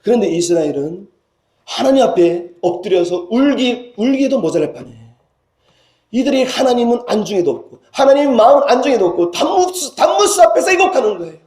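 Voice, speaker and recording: A man preaching a sermon as senior pastor, moving between hushed pleading and loud, fervent cries. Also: extremely high pitch, big pitch swings, a little fast. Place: church sanctuary. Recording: roomy church hall sound.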